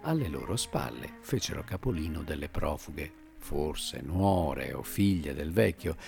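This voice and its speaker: Low gravelly guy reading a memoir, wry and expressive, faint music under. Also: a little slow. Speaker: narrator. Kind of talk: audiobook reading of a literary memoir.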